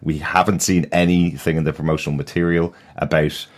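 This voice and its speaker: A man's voice: rumbling low, flat delivery, a little fast. A man co-hosting a casual chat, talking with enthusiasm and a wry edge as he runs through a list of examples. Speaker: podcast co-host.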